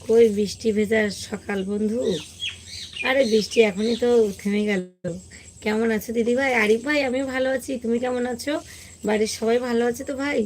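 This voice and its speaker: A chatty woman hosts a casual live stream, her voice slightly high and hoarse. She greets viewers one after another in an easy, friendly way, with faint outdoor ambience in the background. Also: steady tone, a little fast, slight background noise.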